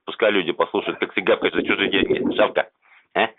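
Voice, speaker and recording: A man's voice: low voice, fairly even intonation, quick pace, slight background noise. A man host taunting someone on a prank phone call, crude and mocking, swearing heavily. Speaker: host taunting a debt collector. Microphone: phone call recording. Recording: tinny phone line.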